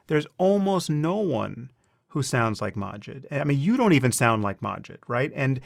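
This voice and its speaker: A man's voice: mid-range voice, sing-song, moderate pace, vocal fry, no room sound, clean studio sound. A man hosting a podcast interview who argues back and interrupts, often repeating words as he restarts. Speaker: podcast host. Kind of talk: debate-style interview.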